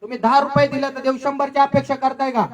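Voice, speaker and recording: A man's voice: very high-pitched, level tone, fast, distant mic, soft background music. A male pastor giving a sermon, firing rhetorical questions at the congregation and mimicking boastful givers with repeated chanted phrases. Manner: rhetorical questions and call-and-response.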